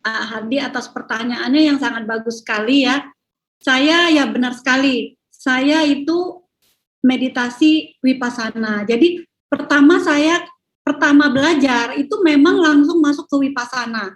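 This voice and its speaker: A middle-aged woman with a high, bright voice tells personal stories in a casual, chatty way, with fillers and laughs. Her voice rings in an echoey room. She talks like a speaker sharing testimony at a religious gathering. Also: unhurried. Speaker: speaker giving a Buddhist Dhamma talk.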